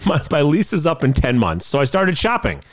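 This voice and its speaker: A man's voice: a little high, normal speed, no echo. A man hosting a casual podcast, talking into a studio mic with an exasperated, laughing manner. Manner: exasperated, laughing often, animated. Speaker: podcast host. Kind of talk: casual banter.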